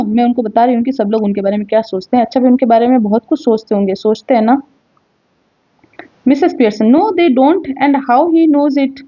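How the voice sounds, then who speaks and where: A woman's voice: on the high side, mellow, highs cut off. A woman who teaches English. She reads lines from a play and then explains them with fillers and repeats. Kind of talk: reading a play aloud and explaining it in Hindi.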